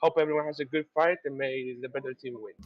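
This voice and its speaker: A man's voice: medium pitch, fairly even intonation, fast, no echo. A man from Greece, introducing himself as a juror on an online call. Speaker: juror and physics tutor. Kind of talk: self-introduction. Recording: slightly dull call audio.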